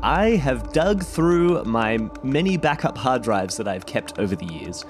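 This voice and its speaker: Over music, a very animated man with a mid-range voice speaks at a measured pace while introducing an archive episode of his podcast. His casual introduction wanders and he keeps correcting himself.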